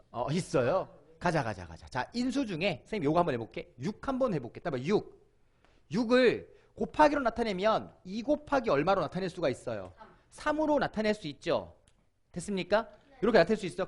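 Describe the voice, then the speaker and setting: Lively, animated male math teacher. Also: high-pitched. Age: middle-aged. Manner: lively, questioning, calls on student. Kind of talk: online math lecture.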